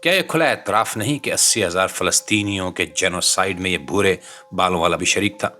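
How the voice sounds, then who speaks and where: Speaking a little fast in a low-pitched, bright, forceful voice, this Pakistani-accented channel presenter reads out scripted political commentary. His tone is indignant and theatrical, full of rhetorical flourishes and formal literary language.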